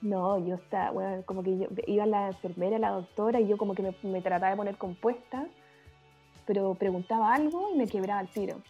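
Mellow-voiced Chilean mother chatting. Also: medium pitch, brisk, husky. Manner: frank, slangy, emphatic. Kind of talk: casual chat. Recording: dull lo-fi audio with faint music.

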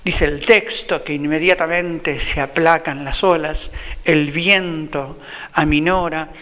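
A man's voice: a little high, steady tone, slow, pushed and bright, in a large hall. A man with an Argentine accent, a Franciscan friar preaching a sermon in a reflective way, often repeating phrases for emphasis. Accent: Argentine Spanish.

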